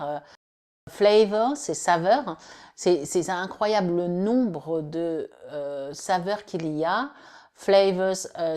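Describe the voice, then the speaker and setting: A woman teacher explains English vocabulary in at an unhurried, patient pace. Her voice sits a little low. She spells words letter by letter, repeats each one for practice and fills her sentences with little hesitations. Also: darkish tone. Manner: chatty with many fillers and restarts. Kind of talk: French-language English lesson.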